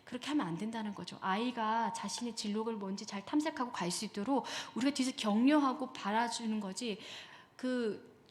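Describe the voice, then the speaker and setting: A middle-aged woman giving a conversational sermon on talking with teenagers, acting out what parents say. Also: fairly high pitch. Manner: acts out parent and child quotes in lively voices; conversational, addresses the audience directly. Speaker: church staff speaker. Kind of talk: Wednesday sermon on parenting teens.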